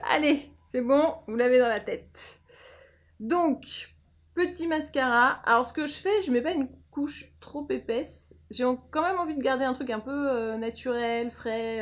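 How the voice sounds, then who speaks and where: A woman chatting casually through a make-up tutorial, joking and filling pauses as she talks. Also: on the high side. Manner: chatty, jokey, lots of fillers and laughs. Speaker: beauty vlogger.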